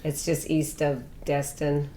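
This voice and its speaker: Chatty lady co-host, lowish voice, echoey room. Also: completely flat delivery, slow, a crowd in the background. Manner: friendly, chatty, often finishing others' sentences. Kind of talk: casual chat.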